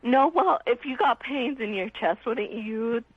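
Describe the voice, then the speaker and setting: A woman's voice: fairly high pitch, measured pace, breathy edge, dry recording. 20 yr old girl calling in, rambly, says like a lot, muffled dull line. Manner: rambling, hesitant, lots of "like". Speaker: caller.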